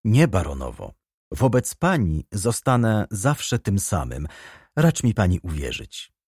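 A man's voice: fairly low pitch, huge pitch swings, slightly rough, no echo, studio quality, full character voice. A man reading a stern, grave prosecutor. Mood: earnest. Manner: stern, measured, quietly accusing. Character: grave former journalist, now royal prosecutor, man. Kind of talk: audiobook character reading.

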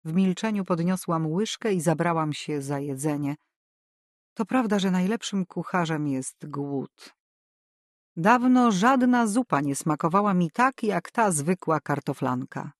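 A woman narrating a first-person novel as an audiobook, measured and expressive. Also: on the low side, no echo, clean studio sound.

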